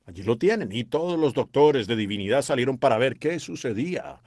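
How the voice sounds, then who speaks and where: A man's voice: mid-range voice, expressive, fairly quick. A man preaching a fervent sermon in an impassioned, exclaiming way, asking the listeners questions. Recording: congregation noise behind.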